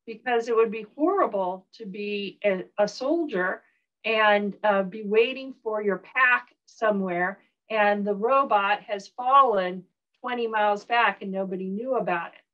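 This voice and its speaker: In a recorded online lecture, a female professor with a Southern US accent speaks in a relaxed, unhurried way, dropping in frequent ums and uhs. Her voice sits in the mid range, and the audio quality is dull.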